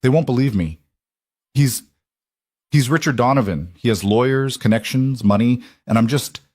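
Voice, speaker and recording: A man doing a frightened young fiancée whose voice shakes as she pleads. The read is husky and dry, right on the mic. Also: medium pitch, huge pitch swings, moderate pace, a little mellow, dry recording, voice pushed up. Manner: shaky, pleading.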